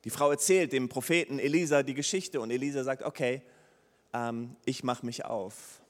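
A man preaching a sermon, retelling a Bible story with lively, acted-out dialogue. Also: mid-range voice, moderate pace. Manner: lively storytelling preacher, acts out the characters' lines. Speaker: pastor. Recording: long reverb of a hall.

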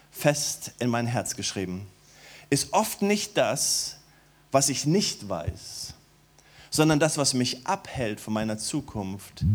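A middle-aged man preaching a sermon to his congregation in a warm church hall, dropping to soft, low stretches and rising to loud, high exclamations. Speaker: pastor.

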